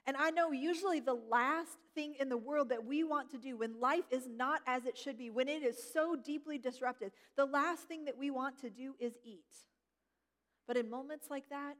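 A middle-aged woman pastor preaching a sermon, gentle and reflective, slowing down to stress key words. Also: high-pitched. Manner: gentle, reflective, slows for emphasis. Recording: long hall reverb.

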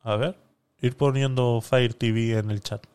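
A man's voice: mid-range voice, steady tone, unhurried, a little mellow, clear, resonant tone. A man hosting a live-stream podcast, chatting casually with viewers while he talks himself through a giveaway. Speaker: livestream podcast host.

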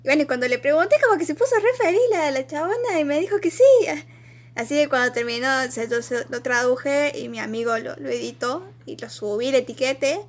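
Argentine woman, podcast co-host, high voice, giggly, rambling, teasing. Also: lively intonation, fairly quick. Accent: Argentine Spanish. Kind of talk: casual chat.

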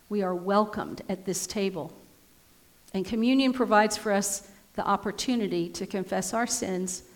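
In a church sanctuary, a woman pastor leads a communion liturgy in a solemn, measured manner, her medium-pitched voice carrying vocal fry. A long, cathedral-like reverb rings around her words.

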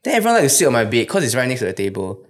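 Animated young Singaporean man speaking slangy Singlish. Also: mid-range voice, racing. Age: 20s. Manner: colloquial Singlish, slangy and sweary; animated storyteller, often breaking into laughter. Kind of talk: casual chat among friends.

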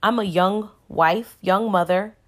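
A woman in her thirties hosts a podcast, delivering an earnest, emphatic inspirational faith talk with preacher-like repetition. Her mid-range voice is a bit bright, and she takes her time.

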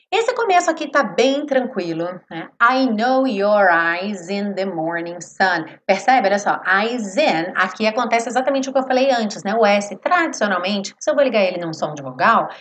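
A woman teaching English in a live online lesson, explaining step by step and slowly modelling English phrases for her students. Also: on the high side, a little hiss or hum.

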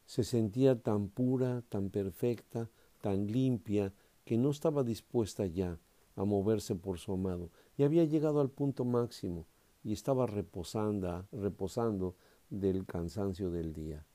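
A man's voice: fairly low pitch, measured pace, mellow. A man preaching and reading scripture aloud, reflective, often tagging his sentences with a questioning "right?". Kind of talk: Bible reading and sermon.

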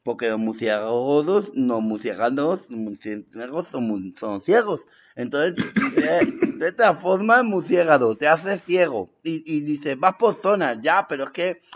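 A man's voice: expressive, unhurried, lo-fi sound. A man playing Ernesto, a giggly old vampire. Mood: rambling. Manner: rambling, giggly, breaks into squeaky put-on shouts. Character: boastful old male Spanish vampire, cheeky and rambling. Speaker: comic guest in character. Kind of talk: improvised comedy sketch.

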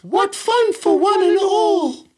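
Woman putting on shrill bossy stepsisters. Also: expressive, takes it slowly, fairly bright tone, heavily acted. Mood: excited. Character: jealous unkind young stepsisters, bossy. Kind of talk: storybook read-aloud.

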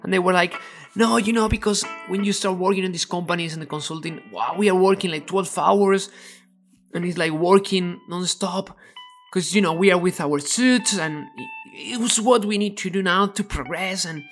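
A podcast host from Spain talks in Spanish-accented English at a middling pitch, explaining step by step. The speaker often restarts and repeats words while searching for the phrasing. Soft guitar plays faintly underneath. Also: normal speed. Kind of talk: educational podcast monologue.

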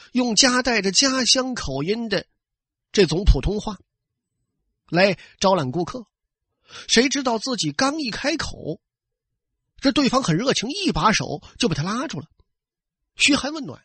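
A man spins an old tale in traditional storytelling style, his high, bright voice leaping about as he chats to his listeners. There is a husky grain to it. The sound is dry and close. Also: measured pace, pauses often, no echo. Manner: lively, conversational, addressing listeners.

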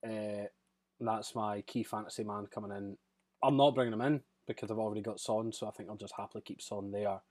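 A man's voice: fairly low pitch, fairly even intonation, brisk, darkish tone. Man hosting a football podcast. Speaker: podcast host. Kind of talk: casual football chat.

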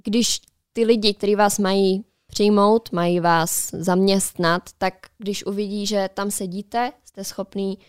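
A woman co-hosting a relaxed podcast, speaking at a middling pitch in a chatty, reflective way. She shares advice in an easy, conversational manner, and her voice sounds dry and close to the mic. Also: clean tone, no room sound. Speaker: podcast co-host. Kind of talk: casual podcast chat. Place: studio.

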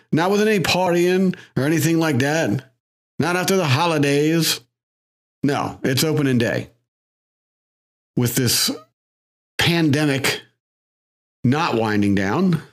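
A man talks through a casual podcast monologue with a mid-range voice. He sounds chatty and wry, laughs often, and leans on fillers as he goes. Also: medium pitch. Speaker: podcast host.

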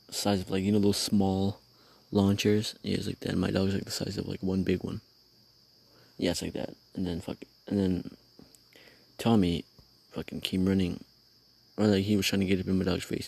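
Low, creaky, and slightly rough yet warm, this podcast host's voice carries a meandering, foul-mouthed tale told in laid-back slang. He's sitting outdoors at night.

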